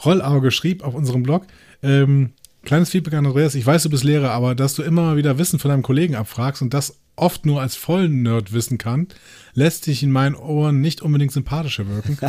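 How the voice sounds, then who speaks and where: A man's voice: mid-range voice, a little fast, a little mellow, no room sound, clean studio sound. A man co-hosting a casual podcast, quizzing his partner with episode trivia and mocking himself along the way. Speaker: podcast co-host.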